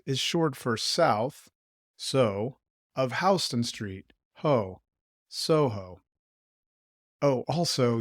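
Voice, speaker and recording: A man narrating an English lesson in a clear, measured, explanatory way. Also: medium pitch, no room sound, studio quality. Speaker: podcast host teaching English.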